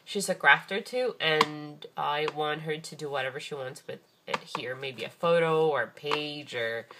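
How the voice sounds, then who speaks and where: A woman with a hoarse morning voice, chatting casually as she shows off a craft project, rambling with lots of ums and restarts. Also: sits low, moderate pace, noisy background. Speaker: craft vlogger. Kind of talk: casual craft show-and-tell.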